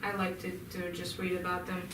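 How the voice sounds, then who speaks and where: Her voice fairly low, monotone and a bit bright, the young Egyptian woman hesitates through her interview answers with frequent pauses and restarts. A distant mic in an echoey room picks up a little hiss or hum.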